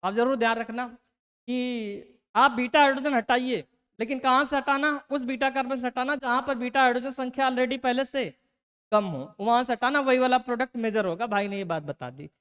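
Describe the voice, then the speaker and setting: A man's voice: very high-pitched, a bit bright, clean tone. A man teaching chemistry in a casual, folksy lecture, coaching students and stretching out key terms. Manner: folksy, drawn-out coaching, calls students "बालक"; slows to dictate terms word by word. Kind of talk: Hindi classroom lecture.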